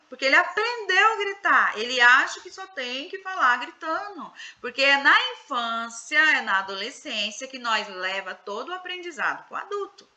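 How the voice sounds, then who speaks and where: A woman's voice: on the high side, sharp tone. A Brazilian woman, a psychoanalyst, leading a casual women's group discussion online, asking questions and coaxing others to speak.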